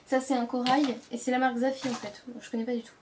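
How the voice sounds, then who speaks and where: A woman's voice: on the high side, flat delivery, fast, a little mellow, slight background noise. A young woman, chatting casually as a beauty vlogger, with many fillers and self-corrections. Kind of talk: casual product show-and-tell.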